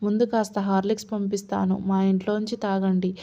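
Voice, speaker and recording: A woman's voice: mid-range voice, flat delivery, a little fast, mellow, close to an everyday voice. A woman voicing a nosy, lecturing older male neighbor in an audio story, with a prying, scolding tone and a dull lo-fi sound.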